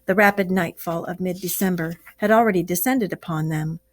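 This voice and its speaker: Reading aloud to a group of children, a teacher shares a classic animal story. She has a lowish female voice and tells it slowly, with plenty of expression.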